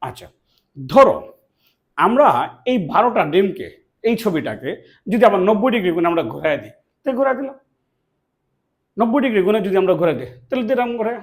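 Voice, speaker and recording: A man's voice: high-pitched, very animated, fast talker, long pauses. A man from Bangladesh, teaching a classroom math lesson, asking questions and answering them himself. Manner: asks and answers his own questions, repeats key words.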